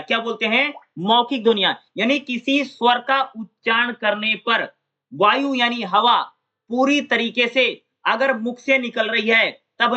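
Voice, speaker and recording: A man teaching an exam-prep lecture, repeating points and quizzing his listeners with quick questions. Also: very high-pitched, pushed and bright. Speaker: exam tutor. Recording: dull lo-fi sound.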